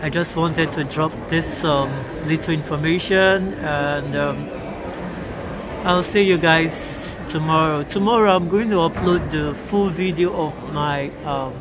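A tired young woman speaks slowly and haltingly into a phone at arm's length, filling her pauses with ums and uhs. She is in a large indoor hall, with clear music playing behind her. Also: sits low. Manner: hesitant, many ums and uhs. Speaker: vlogger. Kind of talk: casual vlog update.

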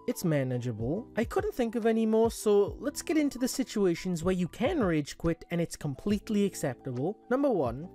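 Lively, informal gaming commentator over music. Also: mid-range voice. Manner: informal, opinionated explaining. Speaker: gaming video narrator. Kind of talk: video game commentary voice-over.

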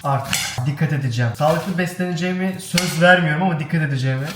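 A man's voice: fairly high pitch, quick pace. A man chatting playfully to his viewers as he makes a salad in his kitchen at home. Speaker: vlogger. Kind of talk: casual vlog chat. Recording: echoey room, noisy background.

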